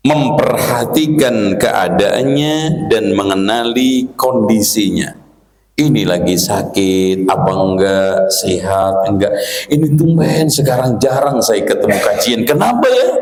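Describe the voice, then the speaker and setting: Animated male preacher in an echoey mosque. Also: mid-range voice, slow pace. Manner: animated storytelling, acting out characters in colloquial slang. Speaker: Islamic preacher. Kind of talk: lively mosque study lecture. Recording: echoey hall with faint ambience.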